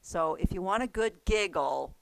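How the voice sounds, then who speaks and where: A woman's voice: fairly low pitch, animated, normal speed, vocal fry, no echo, rough recording. Chatty woman teaching a music class. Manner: chatty, laughs easily, trails off with restarts. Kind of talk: casual class lesson.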